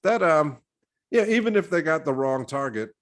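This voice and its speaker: A man co-hosting a casual game podcast, speaking haltingly with frequent restarts and self-deprecating asides. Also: fairly high pitch, animated. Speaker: co-host.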